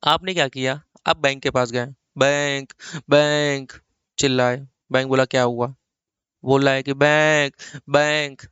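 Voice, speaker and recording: A man's voice: mid-range voice, little pitch movement, normal speed, few pauses, a bit bright, clean tone, no room sound, highs cut off. A man teaching an accounting class, coaxing answers with repeated questions and acting out little dialogues. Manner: playful, acts out little dialogues. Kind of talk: classroom lecture.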